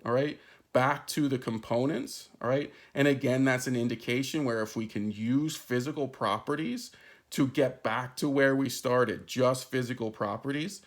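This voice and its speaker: In a recorded introductory chemistry lesson, a male instructor speaks at a moderate pace with a steady, medium-pitched voice. He breaks things down step by step, checking in often with "right?" and "okay?".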